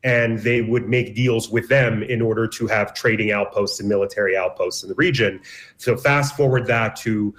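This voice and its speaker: A man from Iran, a writer interviewed on radio, explaining in a measured, analytical way and sometimes restarting phrases. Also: lowish voice, fairly even intonation, fairly bright tone.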